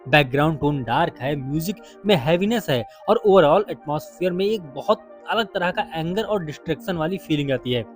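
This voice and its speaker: A man's voice: fairly high pitch, expressive, brisk, hardly any pauses, soft background music. A man giving a casual, chatty film review to his viewers, calling them brother and friend.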